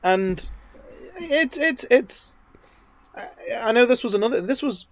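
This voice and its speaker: A man's voice: very high voice, animated, measured pace, fairly bright tone. A man co-hosting a podcast in casual chat, rambling and restarting his sentences often. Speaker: podcast co-host.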